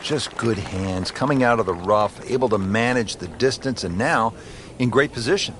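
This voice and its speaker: A man's voice: lowish voice, normal speed, a little hiss or hum, natural voice. A man playing a composed, admiring television golf commentator calling a scripted sports broadcast. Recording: crowd and music behind broadcast voice. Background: crowd ambience and music.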